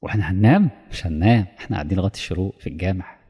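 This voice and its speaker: Man, Egyptian accent, preacher, rapid delivery, warm dark tone, long reverb. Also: sits low, husky. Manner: lively storytelling that acts out dialogues. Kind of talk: religious lesson.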